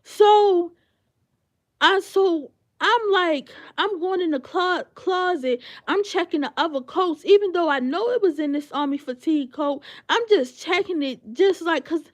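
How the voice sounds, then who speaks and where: A woman's voice: very high-pitched, unhurried. A young woman on a livestream telling a heated story, profane and indignant, with lots of fillers.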